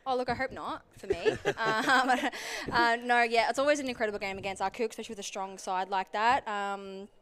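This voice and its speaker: A woman's voice: a little high, brisk, few pauses, a crowd in the background. A woman player giving a post-match interview, modest and hesitant with many ums.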